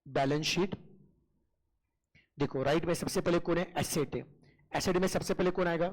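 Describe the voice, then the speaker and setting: In an online accountancy class, a high-voiced man speaks at normal speed, repeatedly posing short questions to his students and then answering them himself. He addresses them familiarly as "beta," and the audio quality is poor.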